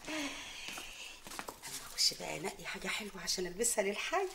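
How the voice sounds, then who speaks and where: An actress with an Egyptian accent playing a middle-aged mother and wife, loud and scolding, often breaking into laughter. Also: medium pitch, sing-song, moderate pace, gravelly, noisy background. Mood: delighted. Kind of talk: film acting.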